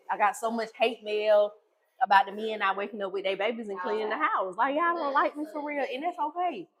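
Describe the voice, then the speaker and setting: A woman's voice: mid-range voice, low-quality recording. A middle-aged woman, a restaurant owner co-hosting a casual chat, talking bluntly and teasing.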